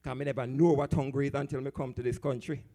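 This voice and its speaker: A man's voice: mid-range voice, little pitch movement, fast, warm tone. A man from Jamaica with a Jamaican accent, performing dub poetry live with rhythmic, half-sung, fiery chanting. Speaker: dub poet.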